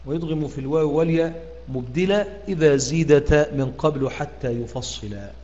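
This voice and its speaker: A man's voice: fairly high pitch, warm tone. A man with an Egyptian Arabic accent teaching Quran reading rules, stopping to quiz his students and stretching out example words as he recites them. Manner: questioning, pausing with "what?" for students to answer; drawn-out demonstrative recitation of words. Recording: lo-fi online room audio with a long reverb.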